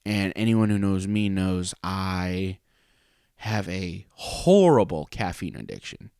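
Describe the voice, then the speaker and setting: Deep-voiced man swearing through a story. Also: very animated, slow pace, darkish tone, clean tone, no room sound, clean studio sound. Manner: profane, exaggerating. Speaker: podcast host and pro wrestler. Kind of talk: casual comedic storytelling.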